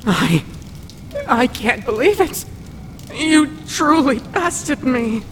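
An actress playing a boastful, theatrical cartoon villainess with a grandiose, melodramatic delivery. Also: female voice, high voice, animated, takes it slowly, slight background noise. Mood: stunned, defeated. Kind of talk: animated comedy voice acting. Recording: music behind the voice.

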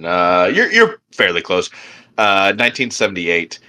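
A man's voice: low voice, sing-song, measured pace, sharp tone. A young man co-hosting a beer podcast, chatting casually with lots of fillers and easy laughter. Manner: rambling, filler-heavy, laughs easily. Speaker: podcast co-host. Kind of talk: casual chat.

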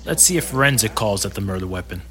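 A man plays a sardonic police detective in an audio drama, his voice low yet bright and forceful. He questions people bluntly and dryly. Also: animated, fast. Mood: questioning. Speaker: detective character.

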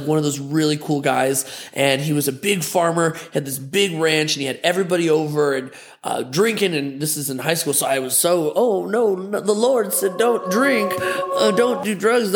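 A young man talks straight to camera in a casual storytelling monologue. His voice sits a little high for a man. He rambles and stays candid and crude, with plenty of fillers. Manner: candid, animated, frequent fillers and crude jokes. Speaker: host of a talk vlog.

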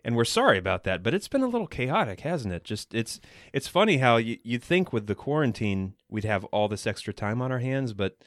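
A man's voice: medium pitch, sing-song, fairly quick, few pauses, dry recording, studio quality. A man in his thirties hosting a podcast in casual chat, rambling with lots of fillers and restarts. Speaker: podcast host.

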